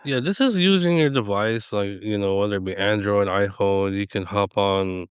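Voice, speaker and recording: A man's voice: fairly low pitch, normal speed, clean tone, dry recording, studio quality. A middle-aged man hosting a podcast, chatting in a laid-back, rambling way and chuckling often. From Eastern Washington. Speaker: podcast host. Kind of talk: casual chat.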